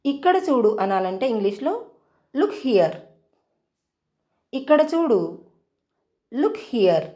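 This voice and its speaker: Woman English tutor, unhurried drill-style delivery, fairly high and very expressive. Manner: repeats each phrase slowly, in Telugu then English. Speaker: English teacher. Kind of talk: spoken English lesson.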